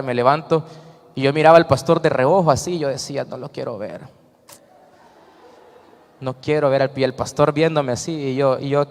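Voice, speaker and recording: A man with a Salvadoran accent giving an earnest personal testimony to a congregation, telling his story with acted-out quotes. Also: medium pitch. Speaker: church member giving testimony. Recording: reverberant church hall.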